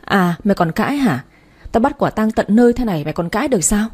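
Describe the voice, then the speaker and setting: Woman doing an enraged jealous wife in a storybook, hurling insults, soft breathy tone. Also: mid-range voice, expressive, fast talker. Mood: furious. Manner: screaming insults. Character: furious jealous wife, shrill and abusive.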